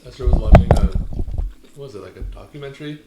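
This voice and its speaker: A man's voice: medium pitch, fast talker, muffled recording. A man co-hosting an eating video, making casual conversation over a meal. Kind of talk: casual chat while eating. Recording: roomy echo, faint dish noise.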